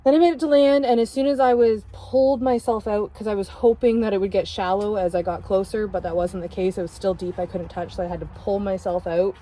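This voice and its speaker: A woman's voice: mid-range voice, fairly even intonation, a little fast, few pauses, mellow, poor audio. Woman telling a river mishap story. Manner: vivid, detailed retelling of a mishap. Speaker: vlog co-host, kayaker. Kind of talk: casual storytelling.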